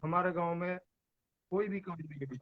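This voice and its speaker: A man's voice: sits high, normal speed, no echo. A man from Palwal district in Haryana, calling in over an online line that keeps cutting out. He speaks hesitantly, stops and restarts, and says "sir" often. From Palwal district, Haryana, India. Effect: heard over an online call line that keeps breaking up. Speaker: caller. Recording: dull, dry call audio.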